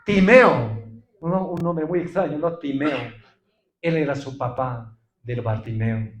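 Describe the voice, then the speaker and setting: High-voiced preaching man, echoey church. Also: takes it slowly. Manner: emphatic preaching, often addresses the congregation as brothers; asks questions and answers them himself. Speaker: pastor. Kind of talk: sermon.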